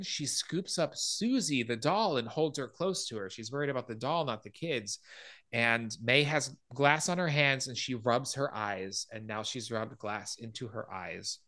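A man's voice: medium pitch, expressive, a little slow, sharp tone. A man hosting a podcast, casually retelling a film scene by scene and acting out quoted lines. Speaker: podcast host.

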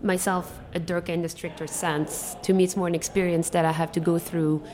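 A young woman from Algeria with an Algerian accent, co-hosting a live radio talk show and speaking in a measured, reflective way. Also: lowish voice, level tone, a little mellow. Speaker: podcast co-host. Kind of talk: casual radio chat. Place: hotel broadcast studio.

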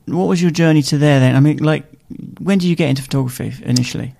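A man's voice: a little high, quick pace, creaky, dark tone. A man interviewing a guest, asking loose, rambling questions in an easygoing way.

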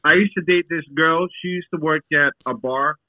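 Male caller, phone-line speakerphone sound, thin and lo-fi, dry, a bit high voice, relaxed. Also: moderate pace, no room sound. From Brooklyn, New York. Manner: relaxed, assured, repeats himself. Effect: heard over a phone call, like on speakerphone. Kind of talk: casual call-in chat.

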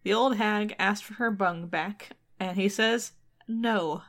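A woman's voice: mid-range voice, a little slow, a bit bright. Chatty woman reading a folktale aloud. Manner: laughs often, chatty asides. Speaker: podcast co-host reading folktales. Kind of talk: casual read-aloud with commentary.

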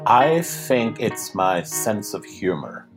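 A man's voice: lowish voice, very animated, slow, loud music behind the voice. A man from Norway, a podcast guest, chatting casually and laughing easily. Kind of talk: casual interview chat.

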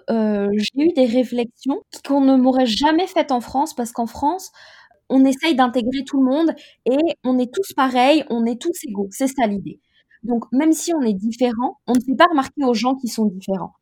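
A woman in her thirties from Côte d'Ivoire reflects on her own experience as an interview guest. Her high, slightly mellow voice moves in a measured way, broken by frequent hesitations as she gives personal testimony.

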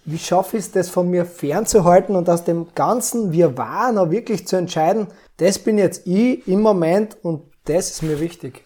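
A woman hosting a podcast interview, asking measured questions. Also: on the low side, warm tone. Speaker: podcast host.

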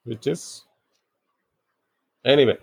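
A man's voice: mid-range voice, slow, gravelly, darkish tone, slightly rough, no room sound, clean studio sound. A man hosting a podcast in a casual, bantering style. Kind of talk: casual chat.

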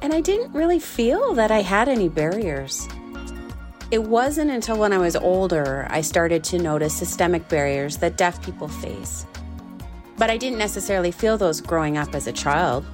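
A woman giving a first-person voice-over interpretation of a signer's words, in a calm, measured delivery. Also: lowish voice, music in the background. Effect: interpreter's voice-over translating sign language. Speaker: sign language interpreter.

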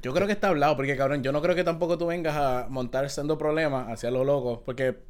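A man's voice: a little high, quick pace. A man with a Puerto Rican accent chatting casually as a podcast host in Spanglish, dropping English words into slangy, sweary Spanish. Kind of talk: casual chat.

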